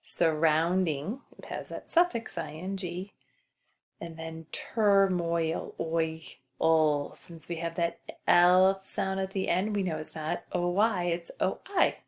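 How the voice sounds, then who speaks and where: Teacher lady walking a kid thru spelling, patient, slow, lowish voice. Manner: patient, explains slowly and spells out letters. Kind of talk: spelling lesson for a child.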